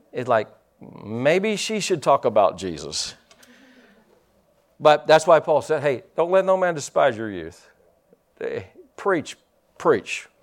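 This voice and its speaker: A middle-aged man preaching. His voice sits a little high for a man, and he stumbles over repeated words before surging into loud, fervent emphasis. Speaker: pastor. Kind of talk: preaching a sermon.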